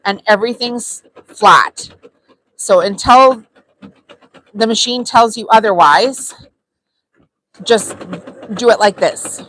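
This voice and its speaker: A woman's voice: on the high side, slow pace, pauses often, low-quality recording. Chatty woman teaching sewing live. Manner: chatty, relaxed, frequent ums. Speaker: sewing channel host. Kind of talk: live crafting tutorial.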